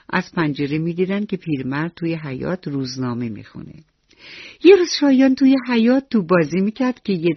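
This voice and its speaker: Husky woman telling a bedtime story. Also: fairly low pitch, no echo. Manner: tender, addressing children directly. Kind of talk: bedtime story narration for children. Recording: dull lo-fi radio recording.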